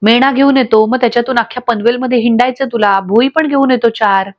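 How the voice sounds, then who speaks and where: A short-tempered, domineering husband barks insults at his wife, read by a woman in her own fairly high voice. It is a dull lo-fi recording of a serial recap. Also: steady tone, fast, lightly acted. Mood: angry scolding. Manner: scolding, shouting insults.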